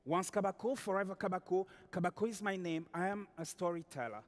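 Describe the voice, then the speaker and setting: High-voiced man declaiming on stage. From Democratic Republic of Congo. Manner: slow, declamatory, repeats phrases for effect. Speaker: storyteller and dancer. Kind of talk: spoken-word stage performance. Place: large hall during an awards ceremony. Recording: long reverb of a large hall.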